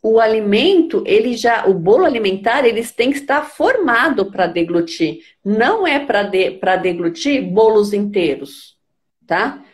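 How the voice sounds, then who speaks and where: Brief: woman from Brazil, speech therapist, calm didactic explainer who keeps checking in. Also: fairly high pitch, unhurried. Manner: patient, didactic, checks understanding with "tá?". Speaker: speech therapist answering questions. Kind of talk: explanatory health talk.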